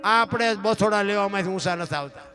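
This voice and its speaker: High-voiced man. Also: fairly quick, over music. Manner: rhetorical questions, keeps calling listeners "bapu". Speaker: folk storyteller at a dayro gathering. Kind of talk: folk moral discourse to a live audience.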